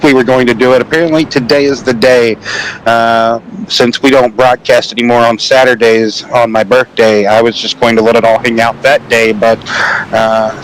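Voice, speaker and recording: A sim racing commentator with a medium-pitched voice gives casual play-by-play on a simulated truck race, rambling and self-deprecating with jokey asides. He's on a home microphone in an online call, and the audio is poor, with a little hiss or hum.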